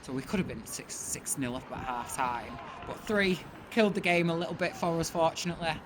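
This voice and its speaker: A woman's voice: low-pitched, fairly quick. A woman giving an informal, chatty and emphatic post-match interview as a football coach, outdoors in the wind. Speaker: football team manager and coach. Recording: windy outdoor recording with clear noise.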